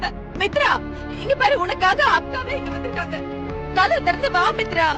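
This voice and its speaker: A frantic pleading relative. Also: female voice, extremely high pitch, animated, normal speed. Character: anxious fussing woman, pleading at a locked door. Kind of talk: TV serial acting. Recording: music score behind dialogue.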